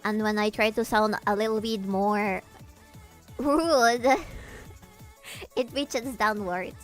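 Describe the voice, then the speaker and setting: A woman streamer chatting casually with her viewers in an animated, giggly way, her voice swooping upward when excited. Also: medium pitch, takes it slowly, soft background music. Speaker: VTuber streamer. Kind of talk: casual livestream chat, answering viewers.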